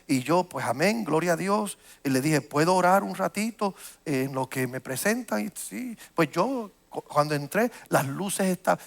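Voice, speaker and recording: An American pastor tells a long personal story during a sermon from the pulpit, his voice high and gravelly. He trips over repeated words and starts again, becoming more animated as the story builds.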